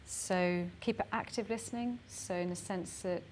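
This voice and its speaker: A woman's voice: mid-range voice, steady tone, normal speed, a little mellow, slight background noise. A woman leading a workshop, giving chatty, encouraging instructions for a group exercise and laughing between them. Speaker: workshop facilitator.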